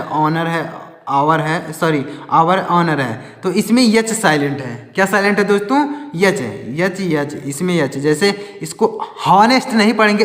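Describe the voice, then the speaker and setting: A man's voice: on the high side, fairly bright tone. A man teaching English vocabulary in Hindi, repeating each word and quizzing the viewer, pointing at words on a board. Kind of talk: Hindi-language English lesson. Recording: echoey room with long reverb.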